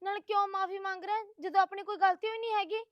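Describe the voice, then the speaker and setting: A woman playing a shrill, pleading young wife. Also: steady tone, fast talker, no echo, highs cut off. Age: young adult. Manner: pleading, insistent. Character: young wife insisting she is wronged.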